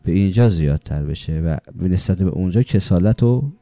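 A man's voice: deep voice, expressive, dark tone, no echo. A man giving a colloquial religious lecture, asking rhetorical questions and running through long spoken lists.

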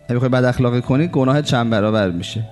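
A man giving a religious sermon, reciting quotations slowly and explaining them with rhetorical questions and long lists. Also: mid-range voice, a little mellow, soft background music. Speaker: preacher.

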